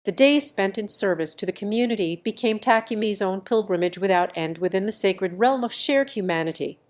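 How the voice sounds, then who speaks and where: A woman narrating a bedtime story in a calm, slow and soothing way. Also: medium pitch.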